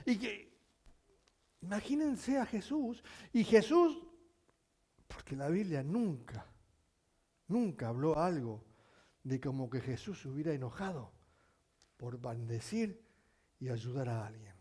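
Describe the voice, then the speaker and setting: A male pastor preaching a sermon, telling stories with animation and asking his congregation questions, at times rising to near shouting. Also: fairly high pitch, sing-song, slow pace, pauses often, breathy edge. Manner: addresses the congregation with frequent questions.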